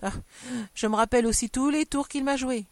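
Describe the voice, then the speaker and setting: A woman reading aloud, voicing a busy, self-important husband who gives orders and turns sentimental, without lowering her voice much. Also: fairly even intonation, fairly quick, dry recording, lightly acted. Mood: tearful. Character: bustling, self-important husband, adult man.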